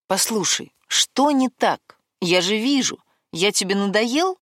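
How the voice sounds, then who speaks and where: A woman's voice: medium pitch, lively intonation, slow, dry recording, clean studio sound, voice pushed up. A woman voicing a guarded man with a secret, coaxing and defensive by turns, in an audiobook.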